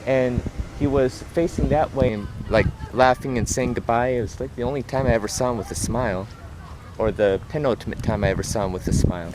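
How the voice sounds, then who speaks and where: A young man talks earnestly to his camera as he walks through a park, circling back and restarting his sentences as he tells his story. His voice sits at a middling pitch. Faint traffic hums in the background. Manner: earnest, repetitive retelling with many restarts. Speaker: vlogger. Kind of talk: walking vlog storytelling. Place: outdoor park near traffic.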